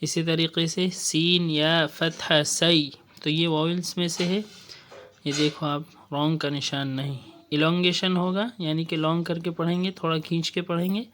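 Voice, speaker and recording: Man slowly drilling syllables as a teacher. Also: a little high, flat delivery, fairly bright tone, a little hiss or hum. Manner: slow, deliberate syllable drilling mixed with English terms. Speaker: Quran reading teacher. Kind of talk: explaining a lesson on screen.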